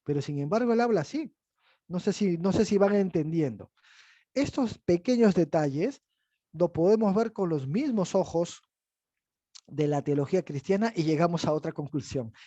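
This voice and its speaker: A man's voice: high-pitched, lively intonation, normal speed, mellow, no room sound, dull audio. A man teaching a bible class, explaining step by step and checking in with the listeners as he goes. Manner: explanatory, asks the audience "¿verdad?".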